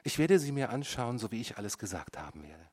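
A male audiobook reader narrates a novel in the first person. His delivery is measured and dramatic, with a lively, moving pitch at a middle height. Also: husky. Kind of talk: scripted literary narration.

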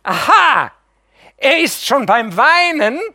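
A man's voice: very high voice, very animated, takes it slowly, a bit bright, no room sound, pitched above the performer's own voice, heavily acted. A man reading an audiobook, voicing a bitter, hysterical young woman who hurls frantic accusations.

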